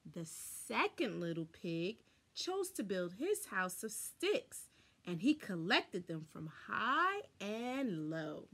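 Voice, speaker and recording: A young woman reads a children's story with deliberate, dramatic emphasis, her medium-pitched, slightly bright voice swinging widely in pitch. A camera a short distance away records her in a small furnished room.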